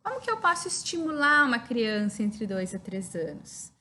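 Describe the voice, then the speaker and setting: Speaking at a moderate pace in a slightly high, sing-song voice with a sharp tone, a woman with a Brazilian Portuguese accent gives a recorded teaching lecture over a little hiss or hum. She walks through each step didactically and often checks in with "né?".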